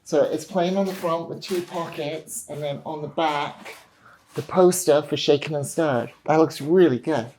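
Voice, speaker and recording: A woman's voice: sits low, measured pace, darkish tone, slight background noise. A woman, an independent film director, chatting upbeat and directly to her viewers in a casual behind-the-scenes vlog.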